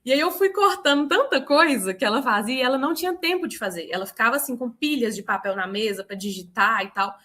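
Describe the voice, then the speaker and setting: Mulher mineira contando história animada. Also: female voice, on the high side, fast talker, few pauses. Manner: animated, quotes herself and others. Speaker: book club participant. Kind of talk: casual storytelling in a video call. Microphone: video call.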